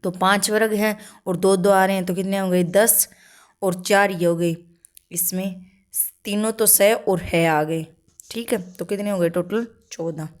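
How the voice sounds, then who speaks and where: A woman's voice: mid-range voice, fairly even intonation, unhurried. Woman teacher quizzing her own class. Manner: asks questions and answers them herself; checks in with frequent "okay" tags. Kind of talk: exam-prep grammar lesson.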